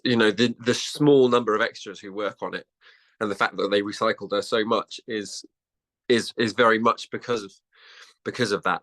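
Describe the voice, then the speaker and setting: A man, a podcast guest chatting and telling stories in an animated way, often restarting sentences. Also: lowish voice. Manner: animated storytelling with many restarts. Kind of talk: casual chat.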